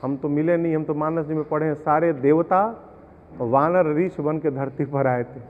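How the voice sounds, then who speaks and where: A man gives a preacherly devotional discourse in a fairly high voice. He explains verses homely examples, then chants them slowly. The sound is tinny and narrow, a long hall reverb behind it. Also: fairly even intonation, slight background noise. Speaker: religious storyteller.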